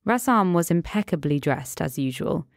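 A woman narrating an audiobook in a measured, atmospheric reading on a close mic. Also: fairly low pitch, lively intonation, gravelly, dry recording. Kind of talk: scripted narration.

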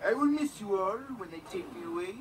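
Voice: medium pitch, expressive, brisk, noisy background. A game actor voicing an aloof robotic alien that greets players, formal and condescending, through a robotic voice filter. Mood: haughty. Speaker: game character. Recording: distant game audio with loud music.

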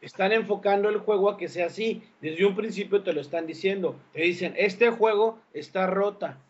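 A man's voice: high voice, fairly quick, husky. A man joining a casual panel chat who speaks emphatically and stresses his points. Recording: dull lo-fi recording.

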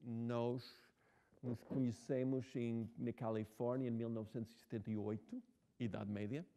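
A man in his sixties with an American English accent tells anecdotes in a relaxed interview. He speaks Portuguese as a second language and keeps stopping to restart words. His pitch sits at a middle height for a man. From United States. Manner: halting, many restarts and fillers. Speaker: writer being interviewed. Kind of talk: casual interview talk.

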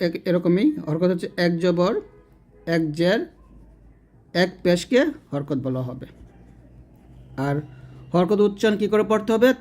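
High-voiced man teaching Quran reading. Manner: patient, repeats rules, chants sample words slowly. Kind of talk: step-by-step spelling lesson.

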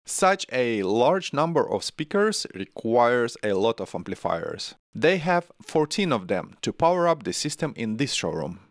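In a small indoor home studio, a man in his forties who hosts a tech channel delivers scripted product-review narration in a measured, deliberate way. Speaking close into a broadcast microphone on an arm, his medium-pitched voice is sing-song, with no room sound.

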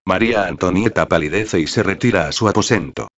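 A man narrating an audiobook in a measured, steady storytelling manner. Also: low voice, highs cut off. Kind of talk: scripted narration.

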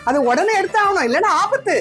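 A bumbling cartoon doctor, voiced by a woman, who makes everything sound dire. His voice is fairly high, and loud background music runs underneath. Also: expressive, fast talker. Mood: alarmist. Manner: exaggerated, alarmist.

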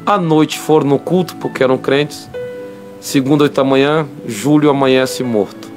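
A man's voice: mid-range voice, normal speed. Man preaching a dramatic story over music. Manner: dramatic, repeating refrains. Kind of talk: sermon storytelling.

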